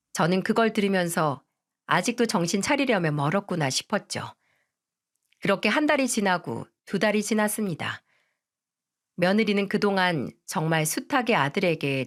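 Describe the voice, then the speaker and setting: A woman narrating a family story in the first person, in a measured, solemn tone. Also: mid-range voice.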